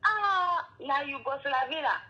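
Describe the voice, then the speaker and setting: A woman from Cameroon with an Ivorian French accent, calling a radio show and talking in a rambling, drawn-out way. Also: sits high, animated, pushed and bright. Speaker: caller. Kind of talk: phone call to a radio show. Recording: muffled phone line.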